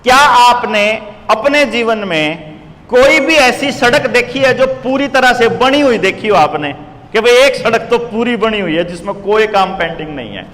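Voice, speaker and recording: A man in his forties giving an impassioned political speech to a small gathering, full of rhetorical questions that rise to shouts. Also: extremely high pitch, animated, normal speed, big-room sound. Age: 40s. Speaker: political speaker.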